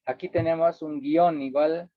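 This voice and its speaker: A man's voice: fairly high pitch, fairly even intonation, measured pace, no room sound. A man with a Bolivian Spanish accent teaching a workshop over slides, explaining step by step and checking in with his listeners. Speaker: workshop instructor. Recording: dry, tinny phone-like sound.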